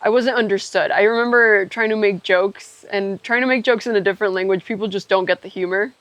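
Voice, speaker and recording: A young woman from Ecuador co-hosts a podcast, telling her own story candidly and reflectively, thinking aloud with trailing asides. Her voice is medium-pitched, steady and a bit bright, and she speaks briskly. The recording has no echo.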